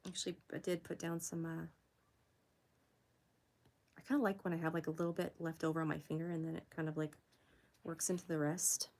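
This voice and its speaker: A young woman hosting a casual art livestream, chatting with viewers as she works, giggling often and jumping up high to greet people. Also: flat delivery, brisk, long pauses, a little mellow. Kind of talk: casual livestream chat while drawing.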